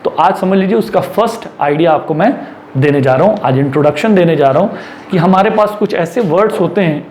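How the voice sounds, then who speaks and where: Lively-pitched man teaching spelling rules. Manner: slow, stretched reading of English rules, quick Hindi explaining. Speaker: English teacher. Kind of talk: classroom lesson in Hindi mixed with English. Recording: echoey room with faint background noise.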